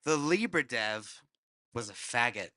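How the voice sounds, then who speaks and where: A man's voice: mid-range voice, lively intonation, unhurried, sharp tone, dry recording, clean studio sound. A man from the United States joking crudely and heckling from the audience.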